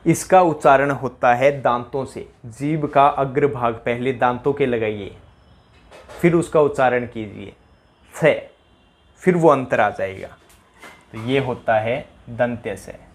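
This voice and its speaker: A man's voice: mid-range voice, a little slow. A male teacher giving a pronunciation lesson, drilling students with repeated questions. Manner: drills with repeated questions, mimics rural dialect speakers for laughs.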